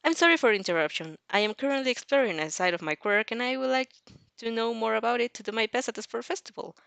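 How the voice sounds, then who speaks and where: A fast-talking woman with a high-ish voice, vocal fry, and a fairly bright, clean tone hosts a fan fiction reaction with no room sound. She reads aloud expressively and regularly interrupts herself with giggly, rambling, casual asides.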